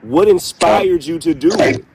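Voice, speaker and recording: A man's voice: on the high side, lively intonation, vocal fry. Man questioning a spirit, with background noise. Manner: deliberate, pausing, addresses an unseen spirit directly. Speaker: paranormal investigator, host. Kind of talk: slow spoken questioning in a spirit box session.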